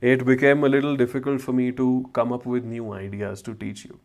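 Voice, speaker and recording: A man's voice: mid-range voice, level tone, brisk, a little mellow. Casual north Indian man, chatty livestream host. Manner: chatty, informal, slips between English and Hindi slang. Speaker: travel vlogger and former chemistry teacher hosting a livestream. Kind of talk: casual livestream chat answering viewers' questions. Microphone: wireless mic.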